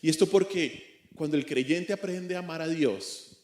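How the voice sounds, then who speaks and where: A man's voice: fairly high pitch, measured pace, darkish tone, echoey room. A man preaching an expository sermon as a pastor, earnest, asking rhetorical questions and repeating his points. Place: church.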